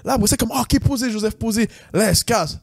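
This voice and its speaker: Fast-talking young man, animated storyteller. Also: very high-pitched, gravelly, slightly rough, dry recording. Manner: animated, mixes English slang, acts out voices. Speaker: podcast co-host. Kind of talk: casual storytelling.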